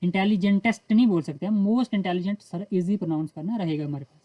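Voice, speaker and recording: A woman with an Indian accent teaching English grammar in Hindi. She explains the rules step by step and reads the English example sentences slowly. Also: mid-range voice, dark tone, no echo, low-quality recording.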